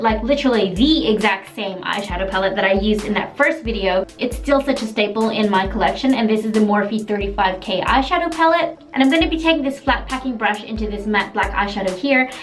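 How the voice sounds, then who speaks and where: A woman's voice: fairly high pitch, expressive, fairly quick, hardly any pauses. A woman from Australia, a beauty vlogger, talking chattily and laughing at herself while doing a makeup tutorial. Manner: chatty, self-deprecating, laughing often. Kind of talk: casual makeup tutorial and reaction. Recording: background music under the voice. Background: music.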